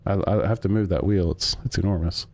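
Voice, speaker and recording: A man's voice: low-pitched, fairly even intonation, a little fast, darkish tone. A man streaming a sim racing game, chatting casually with his chat while he drives. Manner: laid-back, rambling, answers chat.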